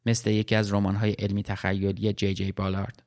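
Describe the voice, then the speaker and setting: A man reading a literary short story aloud as narrator, in a calm, measured, reflective way. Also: on the low side.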